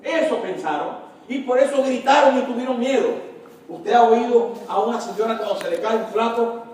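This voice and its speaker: A man's voice: very high voice, moderate pace, a little mellow, a little hiss or hum. A man preaching a sermon as pastor, calling out to the congregation and acting out frightened shrieks. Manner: preaching with call-outs to the congregation; acts out frightened shrieks in quoted voices. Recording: very echoey hall, mic at a distance.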